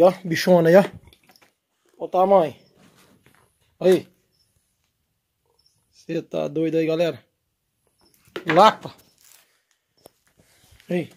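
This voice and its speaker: A man, narrating a fishing vlog from a windy platform on the water and excitedly calling out to his viewers. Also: sits high. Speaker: fishing vlogger. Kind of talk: casual outdoor fishing vlog.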